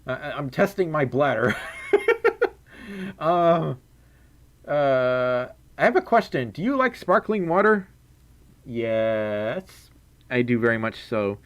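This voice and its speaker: On a casual livestream, a young male streamer with a scratchy, medium-pitched voice reads donations expressively. He takes it slowly and pauses often, giggling and humming through the chat messages, and the sound is a bit bright.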